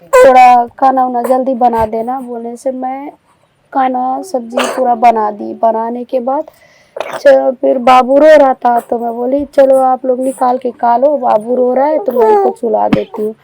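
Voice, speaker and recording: A young widow quietly recounting a killing she witnessed, speaking softly and haltingly and repeating herself. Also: sits high, vocal fry, noisy background. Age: young adult. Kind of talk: tearful eyewitness account.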